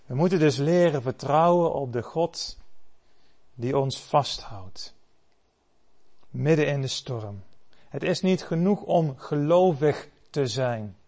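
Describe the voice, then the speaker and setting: A man preaching a sermon, telling stories dramatically and swelling loud for the cries he quotes. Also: fairly high pitch, lively intonation, takes it slowly, pauses often.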